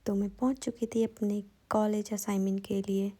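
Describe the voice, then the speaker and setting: A young woman narrating her day in an even, storytelling voice-over for her vlog. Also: medium pitch, normal speed. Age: young adult.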